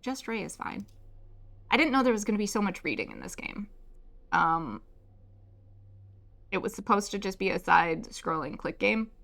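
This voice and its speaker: A woman's voice: medium pitch, big pitch swings, normal speed, creaky, long pauses, fairly bright tone. A woman chatting casually as a game streamer, welcoming viewers as she plays. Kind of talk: casual livestream chat and reading game dialogue aloud.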